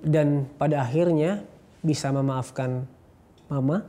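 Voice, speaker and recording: A woman hosts a faith interview with a strikingly low, dark, mellow voice. She listens quietly and adds calm, reflective comments. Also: a little slow. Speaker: host. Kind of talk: faith talk show interview.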